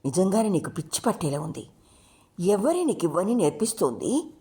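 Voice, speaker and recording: A woman's voice: medium pitch, big pitch swings, brisk, mellow, pitched above the performer's own voice, close to an everyday voice. Woman doing an exasperated scolding mother.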